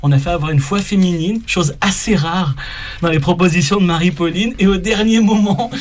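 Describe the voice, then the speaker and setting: A man with a French accent hosting a live radio show from a studio, talking in a halting way with many fillers and restarts. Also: high voice. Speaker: radio host. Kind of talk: hesitant live radio chat.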